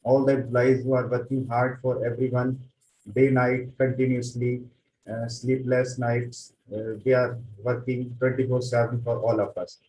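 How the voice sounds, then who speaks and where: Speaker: flat-voiced man, far from mic, roomy with faint background hum. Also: mid-range voice, moderate pace. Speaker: webinar speaker. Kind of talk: thank-you remarks.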